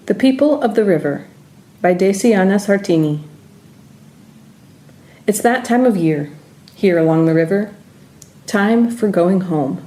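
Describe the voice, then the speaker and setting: A woman reading her own personal essay in a calm, reflective manner. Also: mid-range voice, measured pace, long pauses. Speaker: writer reading her story.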